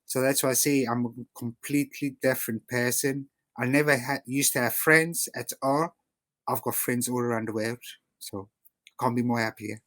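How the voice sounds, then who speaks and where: A man's voice: mid-range voice, fairly even intonation, normal speed, fairly bright tone, dry recording. A man from South Africa with an English-sounding accent, guest on an interview, rambling with lots of fillers. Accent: English-sounding, not South African. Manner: rambling with many "you know" fillers. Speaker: guest artist. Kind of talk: casual interview talk.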